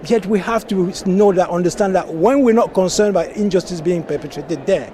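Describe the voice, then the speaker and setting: Man from Cameroon, street interview, passionate, high voice, mellow tone. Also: normal speed, slight background noise. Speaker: party member interviewed. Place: outdoors at a conference venue, street traffic.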